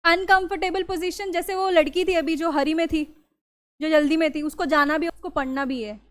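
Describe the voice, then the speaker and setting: A woman's voice: very high-pitched, fairly even intonation, brisk. A woman teacher, giving a classroom grammar lesson and often checking whether the students understand. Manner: mixes Hindi and English, keeps asking the class if it is clear.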